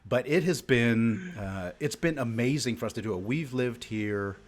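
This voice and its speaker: A man's voice: medium pitch, moderate pace. A man co-hosting a podcast in casual chat, rambling with many fillers and restarts. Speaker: podcast co-host.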